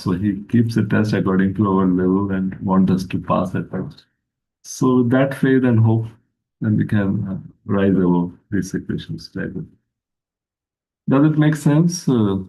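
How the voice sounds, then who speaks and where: Male spiritual speaker, video call, unhurried and reflective, mellow and lowish. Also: poor audio. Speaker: guest speaker.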